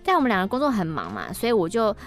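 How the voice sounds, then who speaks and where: A woman's voice: medium pitch, huge pitch swings, rapid-fire, faint music behind. A woman co-host with a Taiwanese Mandarin accent reading a listener's letter aloud, acting out the quoted lines with animation. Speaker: podcast co-host.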